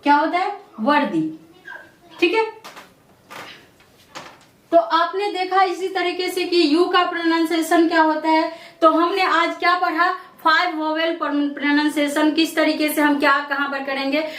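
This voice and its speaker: A woman, teaching English pronunciation in a classroom style. She keeps asking questions and answering them herself, with a steady stream of "theek hai". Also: very high-pitched, unhurried. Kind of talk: classroom-style lesson explanation. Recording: echoey room, voice from a distance.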